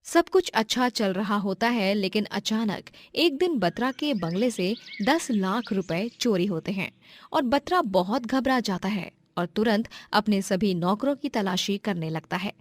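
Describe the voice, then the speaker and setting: A woman's voice: mid-range voice, expressive, measured pace. A woman reading scripted narration as the storyteller of a moral story.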